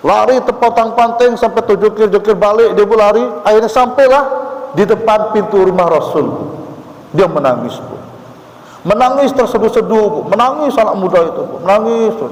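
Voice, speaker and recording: A man's voice: high-pitched, normal speed. A man, preaching a story sermon to a women's congregation and calling out questions to them. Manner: lively, calls out questions to the audience, frequent "Bu". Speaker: ustaz, preacher. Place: mosque hall. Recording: echoey hall with long reverb.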